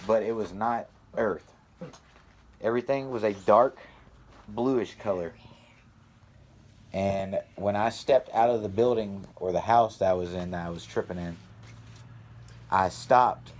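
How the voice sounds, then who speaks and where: A man's voice: lowish voice, darkish tone, slight background noise. A young adult man telling a rambling, profane story about a personal experience in casual vlog fashion. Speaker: vlogger.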